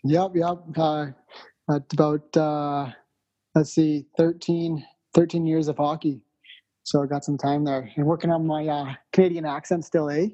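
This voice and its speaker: A man from Arizona, a skater guest, answering in a relaxed, joking way. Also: fairly high pitch, a little slow, lo-fi sound. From Arizona, USA. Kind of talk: interview answers.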